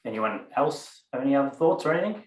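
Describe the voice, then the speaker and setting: A man hosting a community conference call, relaxed and inviting, with loose fillers as he wraps up. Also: mid-range voice, quick pace. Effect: conference call audio. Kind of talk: casual conference call chat. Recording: roomy, distant call audio.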